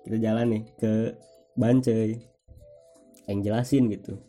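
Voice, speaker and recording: A man's voice: fairly low pitch, measured pace, soft background music. A young man with a Sundanese accent, telling a personal anecdote in slangy, casual speech full of swearing. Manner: slangy, swears freely, animated retelling.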